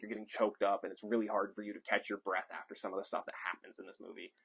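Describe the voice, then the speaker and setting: A young man with a fairly low-pitched voice gives an enthusiastic, rambling, unscripted movie review as a film reviewer, using frequent fillers. The audio quality is poor.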